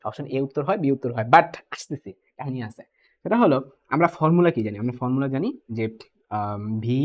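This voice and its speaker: A young man teaching physics in an exam-prep lecture, mixing in English terms and often checking in with the students. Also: medium pitch. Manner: brisk, keeps asking "ঠিক আছে?", mixes English terms. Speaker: physics tutor.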